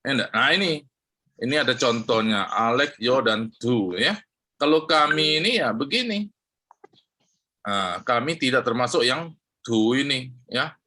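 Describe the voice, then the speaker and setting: A man teaching a lesson on prayer, animated and often asking his listeners questions. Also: medium pitch, unhurried. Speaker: church teacher.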